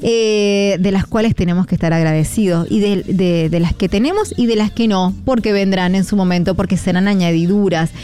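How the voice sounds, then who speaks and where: Warm-voiced Argentine woman radio host. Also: mid-range voice, brisk, few pauses, soft background music. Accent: Argentine Spanish. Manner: rambling, hesitant, many fillers, encouraging. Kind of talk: devotional talk on air.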